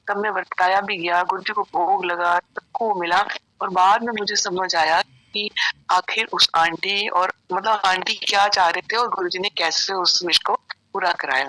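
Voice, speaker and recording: A middle-aged woman tells a devotional story with earnest warmth of conviction, her tone bright and clear. She drops English phrases into her telling, and the sound is dry and close, with no room around her. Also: medium pitch, no room sound, poor audio. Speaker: devotee sharing a testimony. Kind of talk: storytelling testimony at a prayer gathering.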